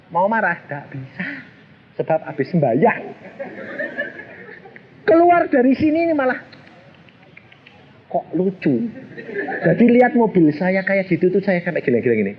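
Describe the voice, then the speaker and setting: A middle-aged man preaching a storytelling sermon, animated and jokey, acting out the voices in his stories. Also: sits high, normal speed. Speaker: pastor. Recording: dull lo-fi sermon recording with faint hiss.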